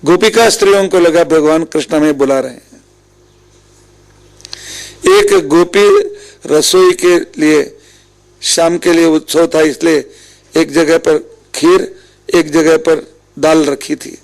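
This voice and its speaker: Speaking with an Indian accent, a religious storyteller slowly recounts scripture tales in a devotional discourse, voicing the dialogue of each figure. The low-quality recording captures his fairly high-pitched, gravelly voice.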